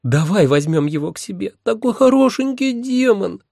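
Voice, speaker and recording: A man's voice: high-pitched, animated, moderate pace, creaky, darkish tone, dry recording, studio quality, pitched above the performer's own voice, full character voice. A man voicing a lovestruck, giggly two-headed young maiden in a sing-song, gushing manner. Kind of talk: audiobook character voice.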